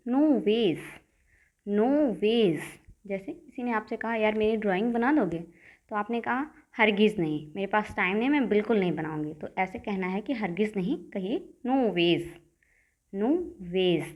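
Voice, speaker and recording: A young adult woman teaching spoken English, saying each short phrase slowly and clearly, then repeating it. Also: fairly high pitch. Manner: slow, clear drilling, says each English phrase twice. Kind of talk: bilingual language lesson.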